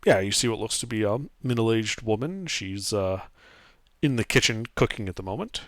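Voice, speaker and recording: Animated, halting male game master. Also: fairly low pitch, no echo, studio quality. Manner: halting, searching for words. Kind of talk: casual improvised tabletop game narration.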